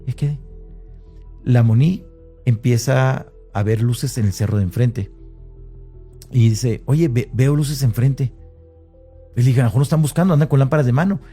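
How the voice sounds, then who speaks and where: A man's voice: mid-range voice, warm tone, husky, soft background music. A man with a Mexican Spanish accent, telling an interviewer his own story in conversational Spanish, hesitant, with restarts and fillers. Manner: hesitant, with many restarts and fillers, slowing at tense moments. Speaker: interviewee recounting an encounter. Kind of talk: conversational first-person account.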